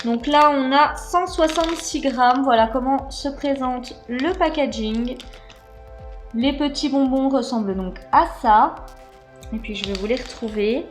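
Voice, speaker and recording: A woman in her thirties talks through a snack box on her channel in a high, bright-sounding register. She is chatty and a bit hesitant, with plenty of fillers. Faint music plays underneath. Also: unhurried. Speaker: unboxing vlogger. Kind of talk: casual unboxing chat.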